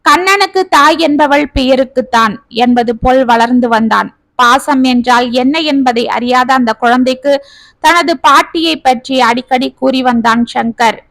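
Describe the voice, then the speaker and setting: A woman storyteller reading a scripted family story aloud in a steady, even manner. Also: sits high, normal speed, no echo, poor audio. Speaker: storyteller, channel host.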